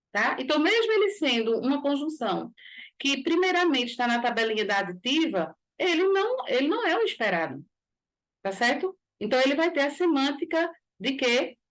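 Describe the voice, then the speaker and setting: A woman with a Brazilian Portuguese accent and a high, slightly bright voice teaches a grammar lesson for exam preparation. She explains step by step, frequently checking in with tag questions.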